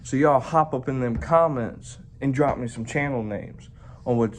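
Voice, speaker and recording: A man's voice: medium pitch, a little hiss or hum. Southern country guy vlogging, talkin with a fat lip full of dip, folksy and rambly. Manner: folksy, drawn-out country phrasing. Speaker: video channel host reviewing dipping tobacco. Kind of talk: casual rambling vlog chat.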